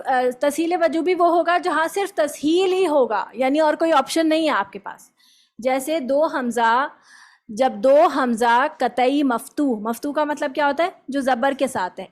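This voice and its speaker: Woman, high voice, tajweed teacher, step-by-step explaining, slow demonstrations. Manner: explains step by step, often checks "okay?" and models recitation slowly. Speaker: Quran recitation teacher. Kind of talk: tajweed lesson for students.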